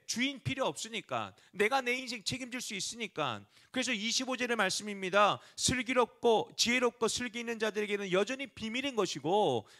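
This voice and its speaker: Animated high-voiced Korean pastor preaching. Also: male voice. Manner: conversational preaching with frequent rhetorical questions. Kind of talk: sermon.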